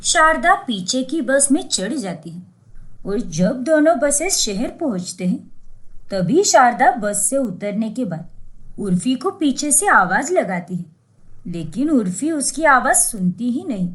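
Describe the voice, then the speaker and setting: A woman narrating a cartoon story in a scripted, expressive manner. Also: a little high, a little slow.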